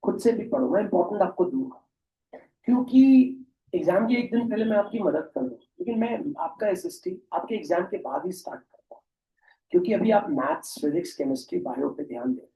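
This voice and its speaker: Joking tutor, echoey room. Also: male voice, high-pitched, expressive, a little fast, warm tone, distant mic. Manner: chatty, jokey teaching with mock dialogues; mixes Hindi and English. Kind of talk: classroom science lesson.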